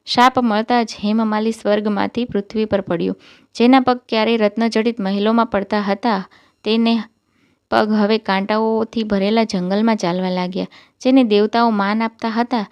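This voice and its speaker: Woman storyteller, devotional scripted narration, measured and moralizing, smooth resonant voice, mid pitch. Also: a little mellow.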